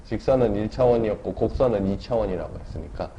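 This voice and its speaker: The voice is a man's, lowish, dark-toned and fast, teaching math in a laid-back classroom lecture. As he explains, he keeps asking the class tag questions to check in. The lo-fi recording is dull, with faint background noise.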